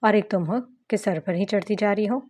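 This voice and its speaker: A woman's voice: medium pitch, fairly quick, a little mellow, natural voice. Woman reading a cocky young husband. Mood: bickering. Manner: sulky, boastful bickering.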